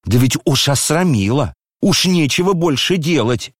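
A man's voice: a little high, lively intonation, moderate pace, no echo, pitched above the performer's own voice. An indignant older noblewoman, voiced by a man lashes out in scolding bursts. The voice sits well above his own, and the recording is dry and close. It is storybook reading, not a full stage performance. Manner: scolding outbursts, exclamations.

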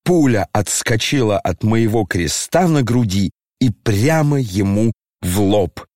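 A man voicing a maudlin, grandiose old retired general, speaking slowly and declaiming in lament, in an audiobook reading. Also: lowish voice, expressive, a little mellow, no room sound, clean studio sound.

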